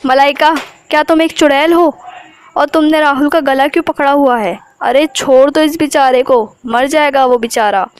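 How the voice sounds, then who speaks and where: A woman's voice: high voice, normal speed, close to an everyday voice. A woman voicing a stern female school principal in a cartoon, in a scolding, indignant manner. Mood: shocked.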